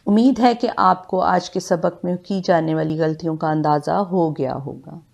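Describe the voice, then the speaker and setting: A woman with a Pakistani Urdu accent, teaching Quran recitation and pronunciation with patient, drawn-out syllable drills. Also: fairly low pitch, creaky, darkish tone. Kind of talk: slow step-by-step pronunciation lesson.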